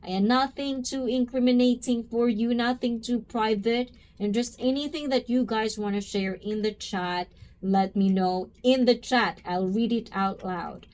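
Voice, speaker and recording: A woman's voice: fairly high pitch, steady tone, a little slow, darkish tone. A woman hosting a casual live stream, chatty and full of "you know" and "like", greeting viewers by name. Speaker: livestream host. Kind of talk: casual live-stream chat reading comments.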